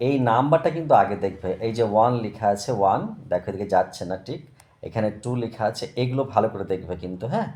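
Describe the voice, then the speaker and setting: Patient male tutor, lively low voice. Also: quick pace. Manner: patient, repeats words and checks with "okay?"; explains English words in Bengali. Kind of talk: recorded English vocabulary lesson for young pupils.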